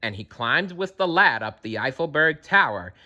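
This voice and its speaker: Guy reading a kids rhyme book aloud, bright voice, bouncy sing-song. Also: medium pitch, very animated, moderate pace, dull audio. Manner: playful, rhythmic rhyming read. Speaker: storybook reader.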